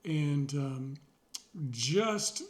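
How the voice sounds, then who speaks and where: Middle-aged guy rambling in his video diary, lots of ums, kinda high voice for a man. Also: animated. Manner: rambling, pausing, many fillers; sincere, reflective, wry. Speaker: vlogger. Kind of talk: casual personal video journal.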